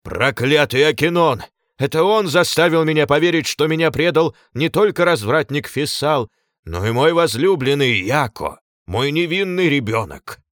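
A man's voice: on the low side, lively intonation, measured pace, bright, forceful tone, no echo, clean studio sound. A man reading an audiobook and voicing a feverish, self-pitying, tyrannical fat lord who raves between grief and fury. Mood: ranting grief. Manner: raving, swinging from pleading to screaming.

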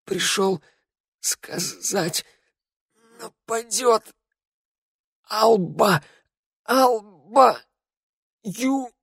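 A man's voice: high-pitched, extremely slow, creaky, long pauses, a bit bright, slightly rough, no room sound, pitched above the performer's own voice, exaggerated voice. A man reading an audiobook and voicing a young male undead who sobs and pleads, full of guilt, in a dry close recording. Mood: dying gasps. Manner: sobbing, broken pleading.

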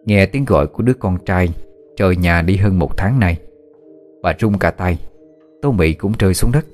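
A man with a very low, deep voice reads a dramatic story aloud. His telling is steady and measured, with soft music under it. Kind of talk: scripted story narration.

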